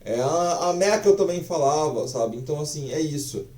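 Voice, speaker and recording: A man's voice: fairly high pitch, animated, normal speed, a little mellow, distant mic. Chatty, swearing man in an echoey room. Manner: chatty, profane, many fillers. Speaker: language teacher. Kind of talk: casual online language lesson.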